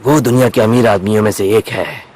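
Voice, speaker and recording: An actor dubbing a grave, worried old bridge builder in an anime, explaining at length. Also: male voice, on the low side, a little fast, a little mellow, natural voice. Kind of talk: anime dub acting.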